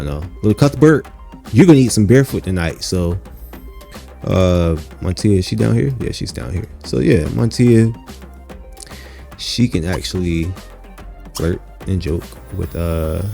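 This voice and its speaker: A deep-voiced man chats his way through a game, relaxed and meandering, with lots of "you know" and "um" between thoughts. His tone is dark and mellow, and faint music plays behind him. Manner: rambling, many fillers and "you know"; talks to the viewers as "you guys". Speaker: gaming channel host. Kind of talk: casual gameplay commentary.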